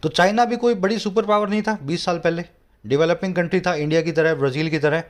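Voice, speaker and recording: A man's voice: sits high, fast. A man with an Indian English accent teaching English from a newspaper editorial, explaining each word and checking that his students follow. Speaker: English tutor. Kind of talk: editorial reading lesson.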